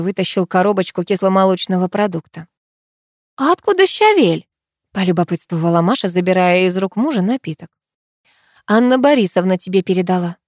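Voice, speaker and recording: A woman narrating a first-person novel aloud, reading in an expressive, emotional way. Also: lowish voice, no room sound, clean studio sound. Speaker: audiobook narrator.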